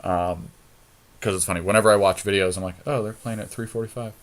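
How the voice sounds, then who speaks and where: A podcast host and card game player commentates on a card game draft, talking casually and thinking aloud in colloquial speech. His voice is on the low side, steady in tone, and fast.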